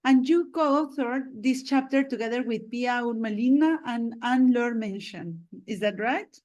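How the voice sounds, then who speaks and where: An enthusiastic woman hosts a video-call interview with a high, bright-sounding pitch. She greets and praises her guest warmly, leaning on fillers as she frames each question. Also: normal speed, dull audio. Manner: enthusiastic, repeats "this is amazing". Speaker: host.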